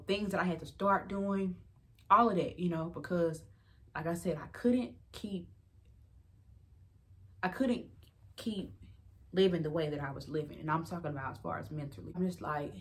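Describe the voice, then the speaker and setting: Candid young woman, rambling vlog confession. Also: on the low side. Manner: candid, rambling, many fillers and restarts; addresses viewers as y'all. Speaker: vlogger. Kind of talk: emotional personal update.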